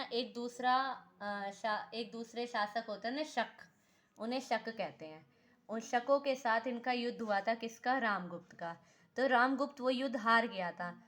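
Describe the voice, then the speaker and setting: A woman teaching an exam-prep history lesson, asking questions and answering them herself, repeating key names and often saying "theek hai" with small self-corrections. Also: a little high.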